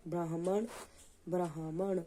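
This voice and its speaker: A woman's voice: lowish voice, steady tone, unhurried, dark tone, a little hiss or hum. A woman teaching a spelling lesson for an exam, patiently saying each word twice and correcting the wrong form after it. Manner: patient, drilling delivery.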